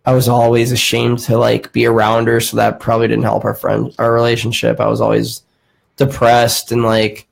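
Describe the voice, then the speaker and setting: A man in his late twenties, with a gravelly, creaky edge to a voice of ordinary pitch, tells a long story in casual podcast chat. He rambles and swears freely, leaning on "like" as he goes. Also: monotone, normal speed. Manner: rambling, profane, heavy use of "like". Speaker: podcast host.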